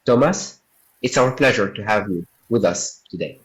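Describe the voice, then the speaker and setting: A man hosting a podcast, reading a formal introduction and asking measured questions. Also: on the low side, expressive, poor audio. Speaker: podcast host.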